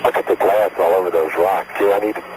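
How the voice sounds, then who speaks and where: A man's voice: deep voice, fairly even intonation, quick pace, background noise. A man talking as an astronaut over an archival radio link, chatting casually with a crewmate as he works. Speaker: astronaut on a moonwalk. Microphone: headset in spacesuit.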